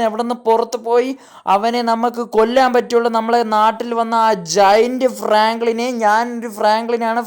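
A woman's voice: on the high side, clean tone. A woman giving dramatic, exclaiming gameplay commentary in character, constantly talking to her viewers. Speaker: gaming YouTuber.

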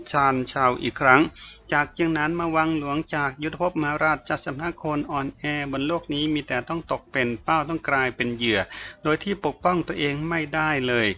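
A man narrating a martial arts novel as an audiobook in a steady, storytelling way, on a dull lo-fi recording. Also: fairly high pitch.

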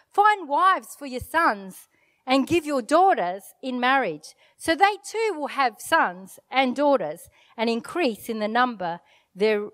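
Holding a handheld mic, an Italian-born middle-aged woman preaches a lively sermon on a church stage and slips in jokes at her own expense. She speaks a little high, and there's no room sound.

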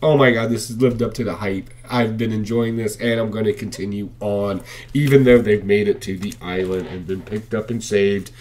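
A man in his thirties casually reviews comic books to a webcam in his living room at home, enthusiastic and blunt, with frequent fillers. His voice is lowish, steady, and a little mellow, at a normal speed. The webcam faces him at close range indoors.

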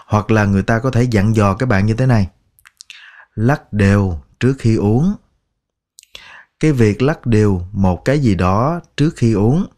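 A man teaching English phrases, patiently repeating each word slowly and clearly in a lesson. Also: mid-range voice, a little mellow. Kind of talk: language lesson.

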